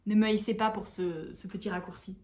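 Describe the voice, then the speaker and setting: A woman's voice: mid-range voice, steady tone, brisk, dark tone. Chatty, self-mocking young woman, echoey room. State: tired. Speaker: book vlogger. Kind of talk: casual book chat to camera.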